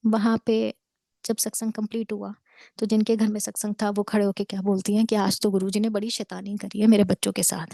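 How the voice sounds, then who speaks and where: A woman in her thirties earnestly telling a devotional story to a congregation, mixing in English words and dropping to a hush at tense moments. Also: medium pitch, flat delivery, brisk, vocal fry, no room sound. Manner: drops to a hushed near-whisper at tense moments. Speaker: devotee sharing a testimony. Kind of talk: devotional satsang testimony.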